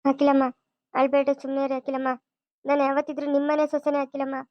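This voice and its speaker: A caring young daughter-in-law, voiced by a woman, speaks in a comforting, fairly high and even voice. The cartoon track is dull and dry. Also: fast, dry recording, close to an everyday voice. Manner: comforting, pleading.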